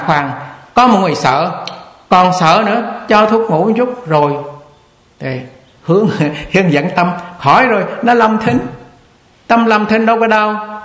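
An older man giving a conversational, repetitive dharma talk as meditation teacher. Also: high voice. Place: meditation hall. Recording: echoey hall recording.

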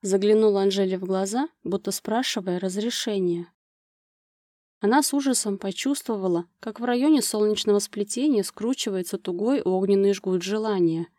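A woman narrating a romance novel as an audiobook, with smooth, expressive storytelling. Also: mid-range voice, normal speed, dry recording, studio quality.

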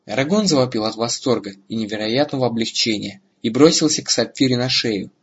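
A man narrating a fantasy audiobook in a steady, dramatic storytelling manner, with a husky voice. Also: medium pitch, fairly quick, muffled recording. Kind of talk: scripted narration.

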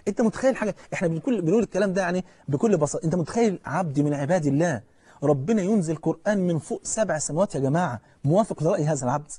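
A man with an Egyptian accent giving a colloquial religious lecture as a preacher, telling stories with animation, asking his listeners questions, and reciting scripture slowly and solemnly. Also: a little high, dark tone, breathy edge, dry recording.

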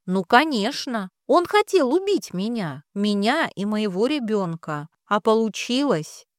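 A woman's voice: fairly high pitch, big pitch swings, measured pace, dry recording, clean studio sound. Woman reading a distraught, furious young woman. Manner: emotional, tearful outbursts.

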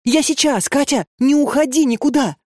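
A woman's voice: high voice, normal speed, a little mellow, dry recording, clean studio sound, pitched above the performer's own voice, lightly acted. A woman doing a frightened young student. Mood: panicked.

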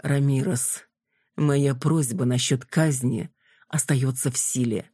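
Reader doing a vampire queen, lowish husky voice, slow and commanding, dry close sound. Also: steady tone, warm tone, no room sound. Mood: imperious. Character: cold, mocking female vampire queen. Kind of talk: audiobook character voice.

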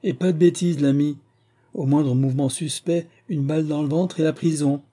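A man's voice: on the high side, fairly even intonation, moderate pace, dark tone, pitched above the performer's own voice, natural voice. A man voicing a stern, confident male detective who speaks firmly and commands. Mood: commanding.

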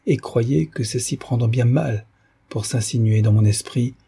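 Man voicing young lady of a period novel, firm, reproachful, dark husky tone, slightly raised pitch. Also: measured pace, heavily acted. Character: proud young woman rebuffing a suitor.

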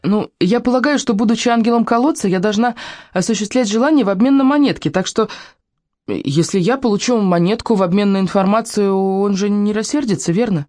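A reader voicing a frightened young girl who babbles fast and nervously. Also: a little mellow, dry recording, studio quality, natural voice. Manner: high, rapid, nervous babbling.

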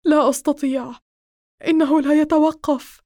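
Woman voicing a scared young man, audiobook character, shaky pleading, high voice, dry close sound. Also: fairly even intonation, normal speed, dark tone, no room sound. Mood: terrified. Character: frightened young man, injured, slowly vanishing.

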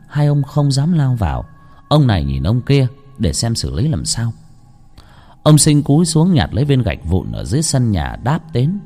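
A man narrating a ghost story in a dramatic, lively storytelling manner. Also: mid-range voice.

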